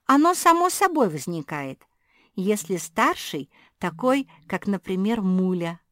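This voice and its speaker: A woman's voice: medium pitch, big pitch swings, measured pace, fairly bright tone, no room sound, studio quality, voice pushed up. A woman voicing a young, earnest female pug puppy in an audiobook, telling her side eagerly.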